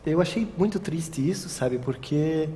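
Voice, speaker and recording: This young wedding photographer has a warm, fairly high voice with lively intonation, and he speaks a little slowly. Chatting informally with an interviewer, he rambles, restarts, and sprinkles in "sabe?" again and again. Long reverb and faint ambient noise fill the recording.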